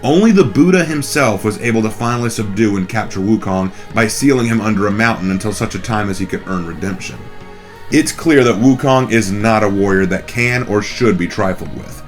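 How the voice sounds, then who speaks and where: A man's voice: lowish voice, lively intonation, brisk, faint music behind. A man hosting a scripted explainer video, his voice slightly off from a cold. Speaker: video host.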